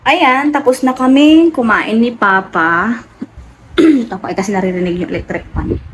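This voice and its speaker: A woman from the Philippines chatting casually to her vlog viewers, telling stories with frequent laughs, her voice jumping up high when she gets excited. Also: normal speed. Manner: animated storytelling, laughs often, voice jumps high when excited. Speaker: vlogger. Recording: noisy home room with electric fan.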